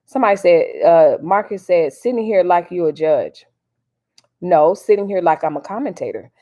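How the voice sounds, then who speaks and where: A woman from Miami hosts a casual livestream, rambling informally in folksy American slang while she answers viewers and adds commentary. Her voice is lowish and dark, animated, at a normal pace, with the highs cut off.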